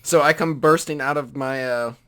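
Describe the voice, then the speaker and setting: A man playing a tabletop game, talking loudly and eagerly with bawdy humor. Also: medium pitch, normal speed, smooth. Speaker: player. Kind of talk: casual game chat.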